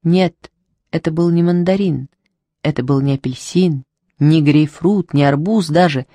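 A narrator reading a fairy tale in a wry, unhurried way, lightly voicing the characters. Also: mid-range voice, dark tone, dry recording. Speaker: audiobook narrator. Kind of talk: storybook narration.

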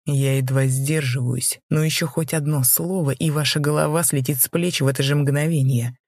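A woman reading as a young male rebel lord who speaks low, cold and contemptuous. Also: steady tone, normal speed, darkish tone, no room sound, studio quality. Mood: restrained fury.

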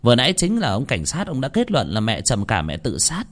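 A man voicing a scornful, sharp-tongued middle-aged aunt, speaking in a shrill, sneering, loud way. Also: wildly swooping pitch, a little fast. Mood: scornful, combative.

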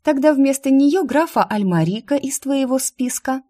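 A woman's voice: expressive, moderate pace, dark tone, dry recording, studio quality. A woman doing a perky sly young girl. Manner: perky, high, teasing.

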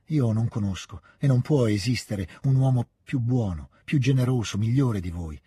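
A young woman pours out earnest, tender words in a husky, breathy voice, as a man reads her. The sound is close and dry, with no room around it. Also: medium pitch, normal speed, dark tone, no echo. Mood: heartfelt. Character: young woman, heartfelt and grateful.

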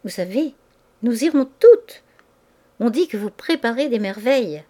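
A woman's voice: a little high, animated, measured pace, dark tone. A woman reading a novel aloud, voicing an eager hostess in an emphatic way.

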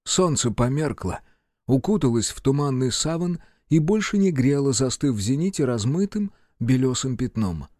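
A man narrating dark fantasy from a script in a measured, expressive storytelling voice. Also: mid-range voice, no echo, studio quality. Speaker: audiobook narrator.

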